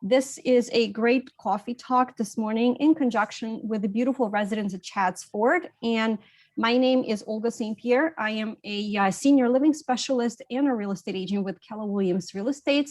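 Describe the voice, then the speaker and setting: A woman's voice: fairly high pitch, moderate pace, darkish tone. A woman hosting an informal online workshop, introducing the session as a senior living specialist. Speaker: host, senior living specialist and real estate agent. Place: online video call with shared screen.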